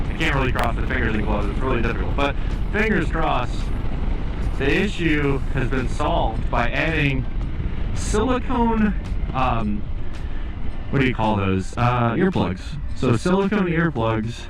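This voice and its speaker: A man's voice: medium pitch, very animated, unhurried. A man chatting casually while riding a motorcycle, rambling and breaking off mid-thought, recorded on a mic inside his helmet. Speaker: motorcycle vlogger. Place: inside a motorcycle helmet, outdoors on a moving bike. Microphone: external action-camera mic inside the helmet. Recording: wind and engine noise inside helmet. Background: wind noise and motorcycle engine.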